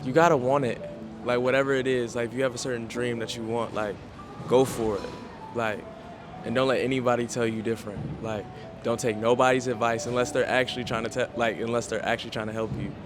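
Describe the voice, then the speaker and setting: A man's voice: medium pitch, steady tone, fast talker, over music. A man of twenty-five, giving motivational advice full of "like" fillers in a street interview. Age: 20s.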